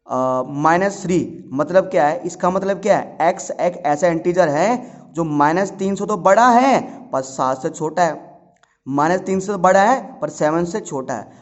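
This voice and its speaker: A man from Uttarakhand talks through a maths lesson in a chatty, coaxing way. He keeps asking his students questions and then answers them himself. His voice sits a little high, and the recording is dull and lo-fi. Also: darkish tone. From Uttarakhand, India. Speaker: maths tutor. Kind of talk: casual classroom explanation. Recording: dull lo-fi sound.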